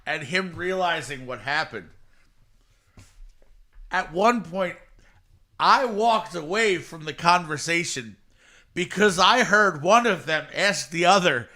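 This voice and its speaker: Male co-host, bright-toned, throws in wry asides. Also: sits high, animated, slow, long pauses. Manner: wry interjections. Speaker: podcast co-host. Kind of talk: casual chat.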